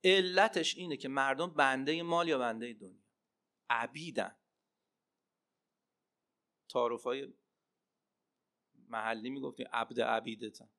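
Guy preaching a sermon, kinda high bright sharp voice, gets loud then goes quiet. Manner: impassioned, swinging between loud emphatic cries and hushed asides. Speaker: preacher and Arabic teacher. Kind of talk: religious sermon with storytelling.

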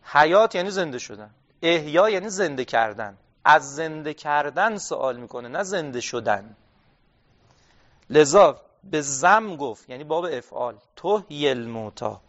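A religious studies teacher gives a classroom lecture on Quranic exegesis, reading Arabic passages aloud and explaining them step by step, posing questions to listeners and answering them himself. His voice is on the high side, expressive and a bit bright. The lo-fi recording sounds dull.

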